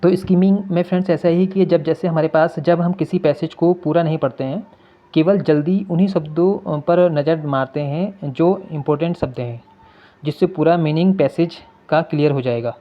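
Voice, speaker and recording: A man teaching exam reading strategies, mixing into his talk, addressing viewers as friends and pausing often with fillers. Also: on the high side. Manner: addresses viewers as friends, mixes English terms into Hindi; many hesitation fillers. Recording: dull lo-fi recording.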